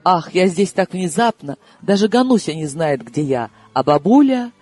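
Brief: impulsive young heroine, played by a male audiobook reader, lively husky voice, swinging up into excited highs. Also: moderate pace, no echo, soft background music. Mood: tearful. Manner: excitable, raised and high-pitched. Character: tipsy young Russian woman, impulsive and emotional. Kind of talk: audiobook character reading.

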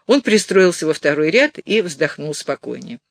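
A man narrating a detective novel aloud in a steady storytelling manner. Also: a little high, moderate pace, gravelly, no echo. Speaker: audiobook narrator. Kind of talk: scripted narration.

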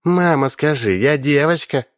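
A man voicing a flippant, vain young woman in a raised, drawn-out voice. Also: expressive, no room sound, studio quality. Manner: pitched up high, drawn out.

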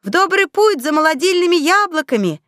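A woman voicing a cheerful, resourceful young girl in a storybook reading, speaking brightly. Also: sits high, sing-song, normal speed, clear, resonant tone, no room sound, studio quality, voice pushed up. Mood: excited.

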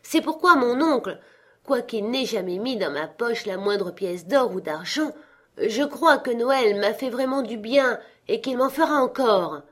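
A woman voicing a cheerful, warm-hearted young man who pleads earnestly, in an audiobook reading. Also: on the high side, animated, measured pace, voice pushed up.

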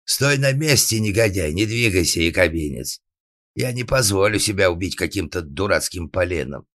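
A man voicing a suspicious, blustering male organ grinder who shouts accusations in an audiobook. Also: deep voice, lively intonation, moderate pace, no room sound, studio quality, exaggerated voice. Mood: angry. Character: drunken, suspicious, bullying middle-aged male organ grinder. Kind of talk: audiobook character acting.

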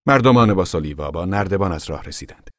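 A man narrating an audiobook in an expressive storytelling voice that sometimes drops to a whisper. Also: low-pitched, dry recording, clean studio sound. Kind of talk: scripted narration.

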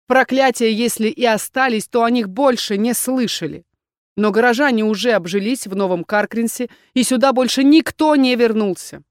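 A woman reading a fantasy novel aloud in the first person, with steady storytelling. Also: mid-range voice, no room sound, clean studio sound. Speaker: narrator. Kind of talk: audiobook narration.

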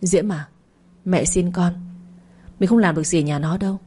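A woman's voice: fairly low pitch, moderate pace, mellow, husky. A woman voicing a middle-aged mother who soothes and pleads with her injured daughter. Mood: pleading.

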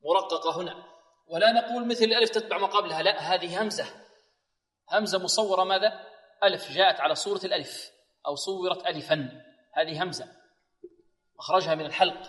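A man with a slightly high voice leads a Quran recitation lesson. He stretches verses out slowly and asks his students questions that he answers himself. The voice sits far from the mic, inside a long, ringing reverb. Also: fairly bright tone. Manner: slows into drawn-out recitation of verses. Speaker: Quran recitation teacher and presenter. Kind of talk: tajweed lesson with recited examples.

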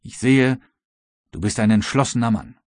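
A man's voice: mid-range voice, fairly even intonation, normal speed, dry recording, studio quality, close to an everyday voice. A man reading as a worried, resolute sea captain. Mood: earnest. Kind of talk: audiobook reading.

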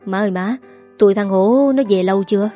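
A woman's voice: medium pitch, fairly quick, dark tone, faint music behind, natural voice. A woman voicing a sulky, evasive 22-year-old son in gambling debt. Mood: anxious.

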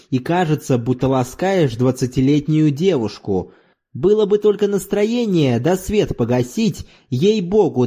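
A man's voice: on the high side, mellow, breathy edge, exaggerated voice. Zorba, a man reading as an earthy, boisterous old laborer. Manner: exclamatory, earthy, teasing. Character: lusty old laborer, boisterous storyteller, male. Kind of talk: audiobook reading.

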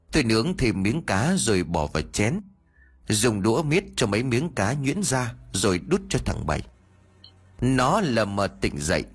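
A man narrating a first-person ghost story in an expressive, lively way. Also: on the low side, husky.

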